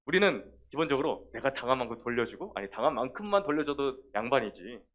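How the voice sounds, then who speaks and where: A man gives a children's sermon at a middle pitch, speaking straight to the kids. He bursts into acted-out little scenes now and then. The sound is dull and lo-fi. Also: fast. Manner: lively, talks directly to the children and acts out quotes. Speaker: children's pastor.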